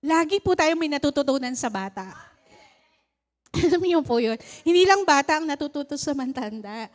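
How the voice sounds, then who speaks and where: A woman's voice: high-pitched, animated, normal speed. A Filipino woman in her thirties giving a church testimony, telling her story with laughs and rising to cries of praise. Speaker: church speaker. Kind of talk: testimony sermon.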